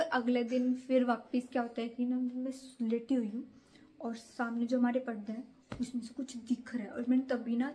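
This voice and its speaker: A woman's voice: sits high, darkish tone. A young woman vlogger chatting casually to camera, rambling through a scary story from her own nights.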